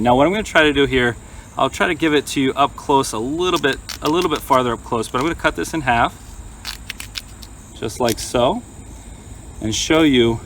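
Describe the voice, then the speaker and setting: A man's voice: mid-range voice, slight background noise. A man hosting a gardening vlog, talking casually and explaining each step as he demonstrates and tastes his harvest. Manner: chatty, plain-spoken, explains each step as he goes. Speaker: gardening channel host.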